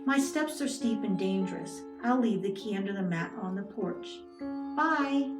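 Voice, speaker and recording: A woman's voice: mid-range voice, expressive, normal speed, natural voice. A woman storyteller voicing a falsely friendly, scheming cat owner with a sugary, coaxing manner. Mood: sweetly false. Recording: roomy, distant, music behind.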